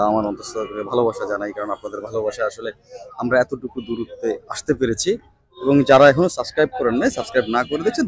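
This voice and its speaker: A man hosts a market vlog outdoors, speaking slowly and softly as he haggles with sellers and talks to viewers. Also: mid-range voice, husky, no echo. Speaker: market vlogger host. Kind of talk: walking vlog, bargaining and addressing viewers.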